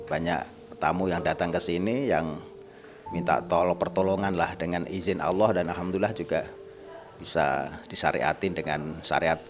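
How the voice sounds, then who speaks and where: A man's voice: sits low, fairly even intonation, moderate pace, over music. A man telling a personal story casually, acting out the dialogue as he goes. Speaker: guest storyteller, spiritual healer.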